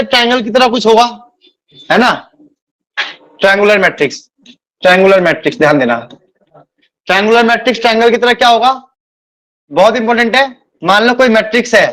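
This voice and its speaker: A man with a rather high voice teaches a math class. He talks quickly by his own account, repeats key words and keeps addressing the students kindly. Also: fairly bright tone. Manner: admits speaking fast. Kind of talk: live online class lecture.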